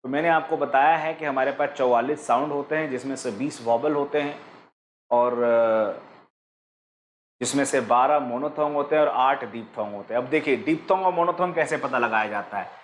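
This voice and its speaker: A man's voice: mid-range voice, normal speed, roomy sound, a little hiss or hum. A man teaching an online exam-prep class, explaining step by step and asking his students questions, with English terms mixed in.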